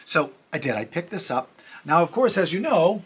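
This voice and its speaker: A man's voice: a little high, sing-song, normal speed, breathy edge. A middle-aged man hosting a casual comic review vlog, chatty and rambling with self-deprecating asides. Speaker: comic review channel host.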